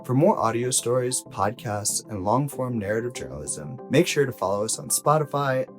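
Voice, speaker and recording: With soft music playing in the background, a man reads a scripted news investigation for audio as a journalist. His mid-range voice is expressive, and his delivery stays deliberate and measured, marked by emphatic pauses.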